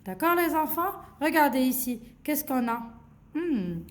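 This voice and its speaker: Slow patient woman teaching children. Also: sits high, big pitch swings. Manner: slow, patient, repeats sounds with many checks of "d'accord?". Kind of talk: phonics lesson for children.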